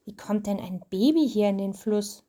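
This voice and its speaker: A woman's voice: mid-range voice, normal speed, warm tone, slight background noise, close to an everyday voice. A woman voicing a kind, decisive young princess while reading a storybook aloud to a child. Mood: caring.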